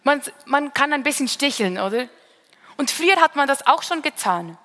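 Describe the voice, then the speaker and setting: A woman's voice: sits high, expressive, normal speed, sharp tone, in a large hall. A woman from the Bern region of Switzerland with a Swiss German accent, preaching a sermon in a conversational way and often adding a questioning "right?" at the end of a phrase.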